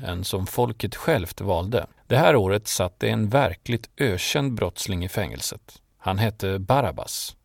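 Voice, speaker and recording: A man narrating a Bible story in a measured, solemn scripted reading. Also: on the low side, vocal fry, dry recording, studio quality.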